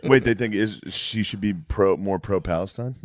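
A man's voice: fairly low pitch, moderate pace, dry recording, studio quality. A man co-hosting a podcast, bantering with crude jokes in casual chat. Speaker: podcast co-host. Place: living room studio with couches.

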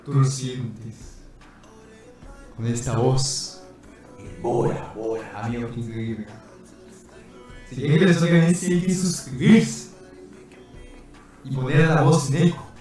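A man's voice: steady tone, slow pace, pauses often, a little mellow. A man streaming a game in casual, playful chat, his voice wrapped in a heavy canyon-like echo. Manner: playful, chatty, thanks viewers by name. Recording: booming echo, voice set back from the mic, faint music.

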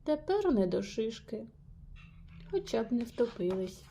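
A woman reads a rhyming children's story aloud at a slow, careful pace. Her voice sits slightly high, with a mellow, dark tone. She leans into the rhymes with playful emphasis. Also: big pitch swings, creaky, a little hiss or hum. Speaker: reader.

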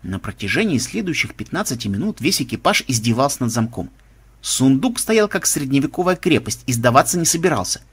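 A man narrating an audiobook with expressive storytelling. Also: medium pitch, brisk, husky.

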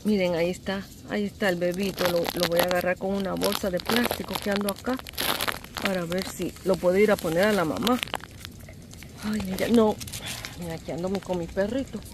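A woman's voice: lowish voice, steady tone, a little fast. A Salvadoran woman filming a phone vlog outdoors on a walk, talking in an anxious, tender way and sighing "ay" again and again. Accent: Salvadoran Spanish. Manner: anxious, tender, keeps saying "ay" and "pobrecito". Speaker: vlogger. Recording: outdoor phone audio, noticeable background noise.

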